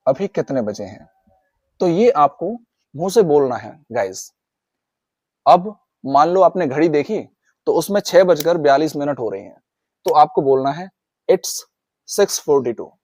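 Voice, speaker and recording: Male teacher, slightly high voice, drills phrases slowly, dry close recording. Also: expressive, darkish tone, dry recording. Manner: repeats phrases slowly for practice, addresses viewers as guys. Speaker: English teacher. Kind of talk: spoken lesson.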